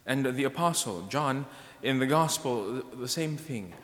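Priest preaching in a cathedral echo. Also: male voice, medium pitch, lively intonation, measured pace, a bit bright. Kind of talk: sermon and scripture reading at Mass. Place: large church, indoors. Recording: cathedral-like echo, long church reverb.

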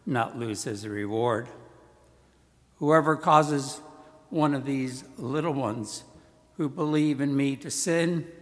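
A man, a priest, proclaiming a gospel reading in a slow, measured way, his voice ringing with cathedral echo in a large church. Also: medium pitch, fairly bright tone. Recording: long church reverb.

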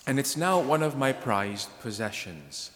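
Priest preaching in a cathedral echo. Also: male voice, mid-range voice, big pitch swings, unhurried, fairly bright tone. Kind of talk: sermon and scripture reading at Mass. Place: large church, indoors. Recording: cathedral-like echo, long church reverb.

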